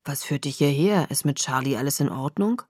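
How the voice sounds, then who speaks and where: A woman voicing a calm older man in a wheelchair, speaking low and soft with a husky tone in an audiobook. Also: brisk, no room sound, clean studio sound. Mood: warm welcome. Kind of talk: audiobook character voice.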